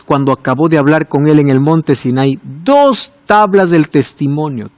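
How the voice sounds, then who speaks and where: A man preaching a sermon in a fairly high voice, recorded close and dry. He asks rhetorical questions and swings from emphatic high lines to quiet, low asides. The pitch keeps rising and falling with his emphasis. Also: no echo.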